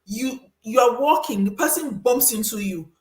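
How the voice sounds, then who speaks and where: A woman hosting a casual advice talk, emphatic and animated, acting out little scenes with sudden high voices. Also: normal speed, echoey room. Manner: emphatic, repeats for stress. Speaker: host giving career advice.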